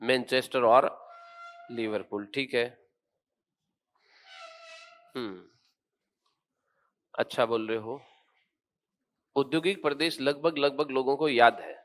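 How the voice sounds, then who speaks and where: A man's voice: medium pitch, steady tone, takes it slowly, long pauses. A male teacher giving a geography lesson in a classroom, quizzing students and then explaining points firmly.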